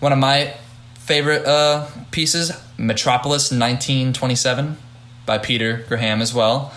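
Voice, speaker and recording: A young man hosts a laid-back podcast and talks things over in a middle-pitched voice. He hedges often, restarts his sentences and fills gaps with "like" as he thinks aloud. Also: steady tone, a bit bright, echoey room. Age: young adult. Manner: halting, hedging, many restarts. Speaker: podcast host and judge. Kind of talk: casual podcast chat.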